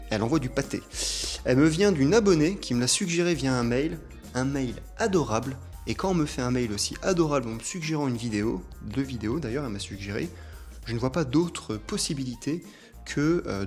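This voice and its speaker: A man's voice: medium pitch, darkish tone. A young adult man, a chiropractor, giving casual reaction commentary on a video, chatty and hesitant with fillers.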